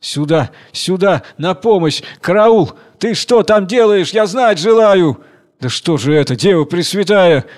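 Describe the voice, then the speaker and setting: A man's voice: a little high, animated, moderate pace, hardly any pauses, no room sound, clean studio sound, close to an everyday voice. A man doing an outraged old knight. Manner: shouting and indignant, then meekly apologetic. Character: old blind jealous knight, husband, easily fooled.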